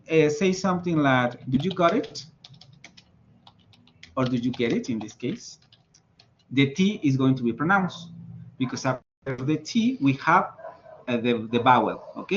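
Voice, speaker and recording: Patient teacher with a Mexican accent, lively voice. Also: male voice, a little high. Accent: Mexican Spanish. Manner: patient, explains slowly with many fillers and repetitions. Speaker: English teacher. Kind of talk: online class explanation. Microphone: video call. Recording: slightly muffled video call audio with faint noise.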